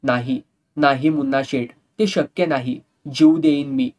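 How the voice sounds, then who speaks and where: A man's voice: mid-range voice, moderate pace, far from the mic, close to an everyday voice. A man voicing a frightened, desperate young woman who pleads and cries out. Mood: pleading. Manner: pleading, crying out.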